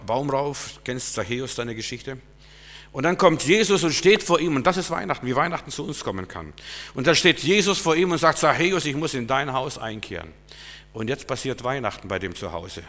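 Bright-voiced preacher in an echoing hall. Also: male voice, mid-range voice. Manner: emphatic, swings between loud and quiet. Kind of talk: sermon.

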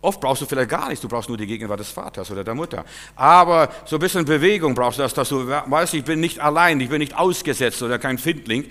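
A middle-aged pastor delivers a sermon with an emphatic voice. He swings between loud, pressing bursts and low, quiet asides. His voice rings out with a long reverb, as in a large church hall. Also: fast, few pauses.

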